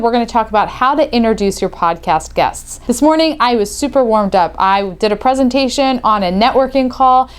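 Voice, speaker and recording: A woman from the US, hosting her podcast show and giving energetic, chatty tips. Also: fairly high pitch. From Northeastern United States. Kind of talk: upbeat video tips talk to camera.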